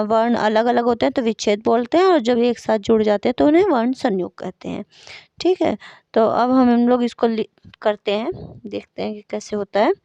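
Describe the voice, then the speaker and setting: A woman's voice: fairly high pitch, mellow, no room sound. A woman Sanskrit teacher explaining a school textbook lesson, reading out words and repeating their meanings patiently. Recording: dull lo-fi recording.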